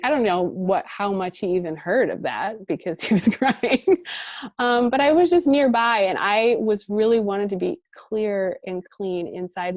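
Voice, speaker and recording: A woman in her thirties, a guest parent coach on an online interview, talking in a warm, animated way with frequent laughs and fillers. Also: mid-range voice, no room sound, clean studio sound. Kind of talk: conversational interview.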